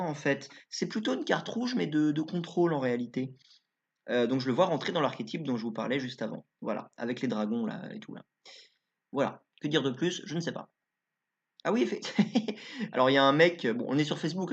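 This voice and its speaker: A man giving casual card review commentary as a YouTuber, chatty and informal, thinking aloud as he goes. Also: medium pitch. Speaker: YouTuber reviewing game cards. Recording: slightly dull lo-fi recording.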